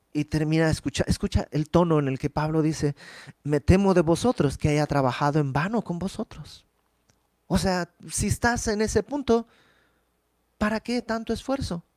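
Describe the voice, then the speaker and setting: A man's voice: a little high, no echo. A man teaching a verse-by-verse Bible study in an earnest, emphatic, conversational way.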